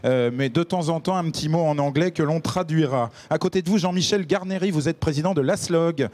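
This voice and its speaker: A man moderates a studio panel debate with a somewhat high voice. He speaks in a formal broadcast register. He introduces each guest in turn with a full title. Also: a little fast, darkish tone. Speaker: debate host. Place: TV studio set.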